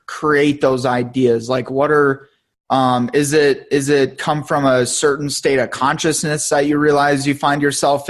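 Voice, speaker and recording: A man hosts a podcast interview with a voice pitched a little high. He stumbles through his questions with plenty of fillers. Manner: halting questions, many fillers. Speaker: podcast host. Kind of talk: casual interview conversation.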